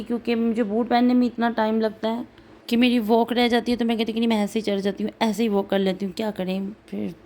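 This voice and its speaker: A woman vlogger chatting through a casual voice-over, rambling with many fillers, her throat a little hoarse. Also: mid-range voice, warm tone. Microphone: home voice-over recording.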